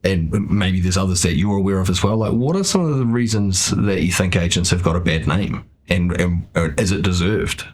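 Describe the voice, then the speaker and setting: A man's voice: low-pitched, normal speed, hardly any pauses. A man hosting a casual podcast interview, speaking informally and somewhat hesitantly. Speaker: podcast host.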